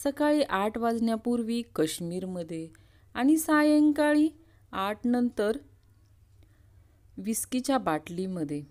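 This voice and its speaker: A woman reading comic drunkard jokes aloud, acting out the characters with lively storytelling. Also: slow pace, long pauses. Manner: lively storytelling, switches pitch and loudness for characters. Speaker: joke narrator.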